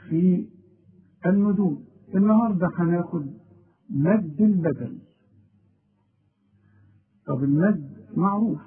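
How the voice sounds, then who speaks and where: A man with an Egyptian Arabic accent teaching a recitation lesson, asking and then answering his own questions and stressing key words. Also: sits high. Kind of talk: explanatory lesson. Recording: tinny phone-like audio.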